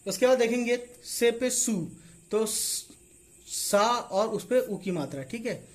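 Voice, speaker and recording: A man's voice: extremely high pitch, slow pace. A man teaching reading as a casual online lesson, spelling out letters and checking in after each point. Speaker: Urdu teacher.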